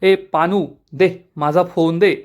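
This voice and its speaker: A man's voice: sits high, steady tone, slow pace. A man reading the lines of a tearful, melodramatic young wife in a serial recap.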